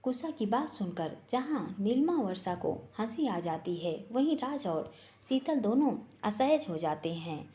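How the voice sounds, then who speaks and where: A woman reading a family story aloud, narrating with an expressive delivery. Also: medium pitch, unhurried.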